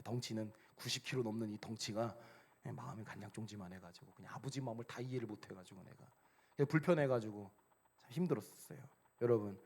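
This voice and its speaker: A middle-aged man preaching a sermon as pastor, telling stories with sudden loud outbursts and hushed asides. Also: mid-range voice. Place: church sanctuary.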